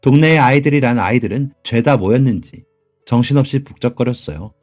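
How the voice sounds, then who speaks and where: A man narrates a listener's story in a calm, measured reading voice of middle pitch. Soft music plays quietly under his narration.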